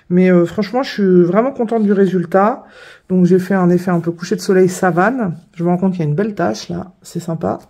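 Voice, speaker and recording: A woman's voice: mid-range voice, dark tone. Hesitant woman showing her coloring. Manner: hesitant, many fillers and self-corrections. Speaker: coloring hobby vlogger. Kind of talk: casual show-and-tell.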